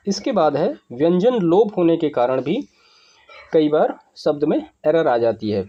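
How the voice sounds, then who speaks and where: Male teacher, exam-prep lesson; steady word-by-word corrections, slightly high, dull lo-fi sound. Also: measured pace. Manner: explanatory, repeats each word wrong then right. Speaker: Hindi grammar teacher.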